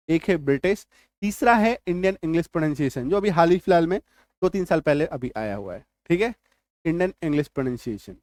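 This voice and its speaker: Male tutor, high voice, dry close sound, repetitive explaining style. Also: darkish tone, no room sound. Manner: repetitive, checks in with "है ना" and "ठीक है"; spells words out letter by letter slowly. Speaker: English teacher. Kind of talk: spoken lesson to viewers.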